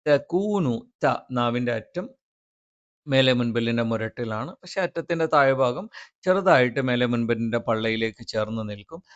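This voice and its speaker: A man's voice: medium pitch, clean tone, highs cut off. A man with a Malayali accent teaching Quran recitation, carefully explaining how each letter is formed. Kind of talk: step-by-step pronunciation lesson.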